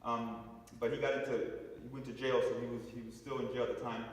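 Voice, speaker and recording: A man's voice: medium pitch, level tone, quick pace. A man giving a talk to a congregation, telling a story with restarts and asides to the audience. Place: church hall. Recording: echoey hall, picked up from a distance.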